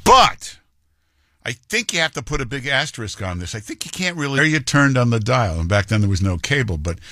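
A man's voice: medium pitch, sing-song, a little fast, a bit bright, no room sound, clean studio sound. A man hosting a radio talk show, delivering an opinionated monologue in a punchy, conversational way with frequent fillers. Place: radio studio.

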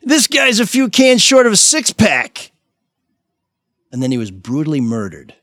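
A man's voice: high voice, wildly swooping pitch, normal speed, bright, forceful tone, no room sound, clean studio sound. A man co-hosting a radio show, telling jokey movie stories in a wry, teasing way. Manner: wry, joking storyteller. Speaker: co-host. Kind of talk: casual radio banter.

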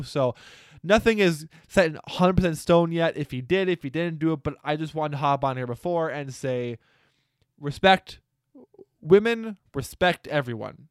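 A man's voice: on the high side, clean tone, no room sound, clean studio sound. A young man hosting a casual podcast, groggy from just waking up, rambling with lots of restarts and fillers. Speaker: podcast host.

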